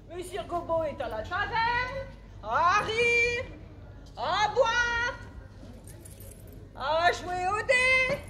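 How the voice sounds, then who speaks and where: A woman's voice: very high voice, sharp tone, full character voice. An actress playing a scheming, rebellious medieval village woman in a farce, theatrical and exclamatory. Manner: theatrical, exclamatory, drawn-out emphasis. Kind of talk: open-air farce acting. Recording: live festival recording, clear background noise.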